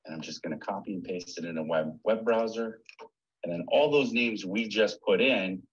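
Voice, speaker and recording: A man's voice: fairly low pitch, normal speed, breathy edge. A man presenting a webinar, walking viewers through a screen-share tutorial in a friendly, step-by-step way over a computer mic. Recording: dull lo-fi webinar audio.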